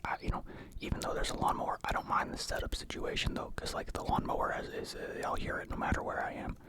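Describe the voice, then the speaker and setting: Whispering young man, casual ASMR rambling. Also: fast talker. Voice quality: whispered, unvoiced. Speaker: ASMR mukbang creator. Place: indoor room at home.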